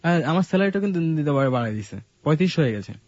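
A man telling his life story in a casual radio conversation, halting, with many fillers and restarts. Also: fairly high pitch, lively intonation, a little mellow, no echo. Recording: dull lo-fi radio studio sound.

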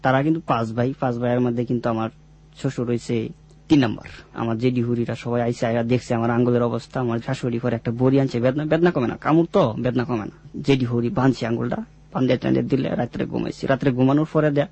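Gravelly young man, rural Mymensingh accent. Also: mid-range voice, steady tone, quick pace, mellow, lo-fi sound. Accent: rural Mymensingh-region Bangladeshi. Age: 20s. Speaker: guest telling his life story. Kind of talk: informal personal storytelling in dialect.

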